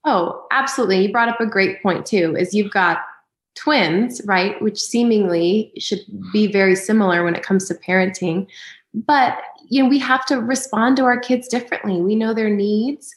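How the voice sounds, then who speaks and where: A woman's voice: medium pitch, moderate pace, reverberant. A woman giving practical parenting advice in a conversational way, often saying "um" and "right?". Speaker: parenting guest speaker.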